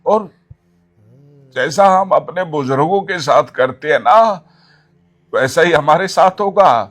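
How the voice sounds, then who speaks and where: A man playing a stern, hurt elderly father-in-law in a family drama, speaking slowly and gravely, then breaking into angry shouts. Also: fairly high pitch, animated, heavily acted. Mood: reproachful. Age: older. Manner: slow, grave pleading that erupts into shouting.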